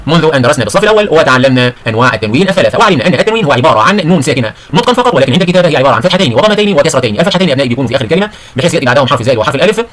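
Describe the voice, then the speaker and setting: A man's voice: fairly high pitch, very animated, very fast, few pauses, fairly bright tone. A man teaching a grammar lesson to children, calling them his sons and daughters and explaining each point step by step. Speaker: Arabic teacher.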